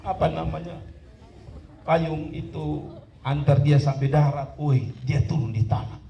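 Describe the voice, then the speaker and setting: Brief: male pastor, Kupang Malay accent, lively comic sermon, high gravelly voice, far from the mic in an echoey hall with a laughing crowd. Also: a little slow, muffled recording, slight background noise. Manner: animated, calls out to the listeners. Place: large hall with an audience.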